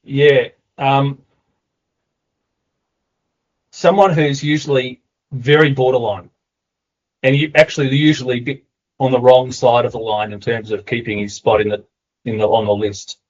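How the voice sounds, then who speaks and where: An Australian man co-hosts a footy podcast and talks in a rambling, halting, fond way, stopping often to think. His voice sits at a middling pitch. The audio is dull and muffled. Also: fairly even intonation. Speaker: podcast co-host. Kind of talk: casual footy podcast chat.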